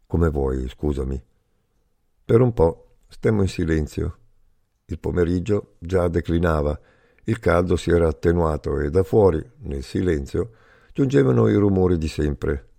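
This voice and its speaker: A man reads a first-person memoir at a measured, steady pace. His voice is low and dark, and the recording is dry and close. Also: gravelly, no echo. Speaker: narrator.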